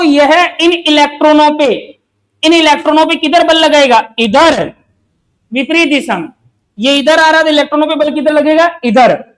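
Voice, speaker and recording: Over a rough recording, a man with a very high voice teaches a coaching class in a call-and-response style. He is from Rajasthan, India, echoes each question before answering it himself, and draws on playful everyday analogies.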